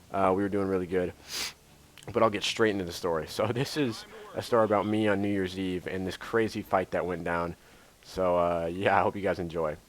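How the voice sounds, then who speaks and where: A young man from Idaho casually telling a rambling story over video game footage, full of filler words and swearing. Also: sits low. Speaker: YouTuber.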